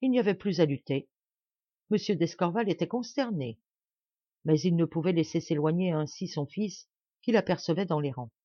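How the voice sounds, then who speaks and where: A woman narrating a classic novel as an audiobook in an expressive, dramatic reading. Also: lowish voice, moderate pace, dry recording. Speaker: audiobook reader. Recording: dull dry home recording.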